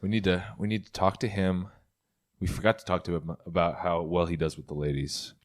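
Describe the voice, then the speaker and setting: Very low-voiced male podcast host, relaxed, restarts his words a lot. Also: fairly quick. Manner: easygoing, repeats words as he talks. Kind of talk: casual podcast chat.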